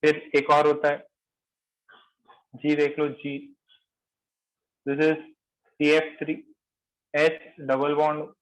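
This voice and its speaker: Speaking in a monotone on the high side, a man drags out his words and pauses often as he lectures a chemistry class. He mixes English phrases into his Hindi, repeats key terms and quizzes students, all on dull-sounding audio.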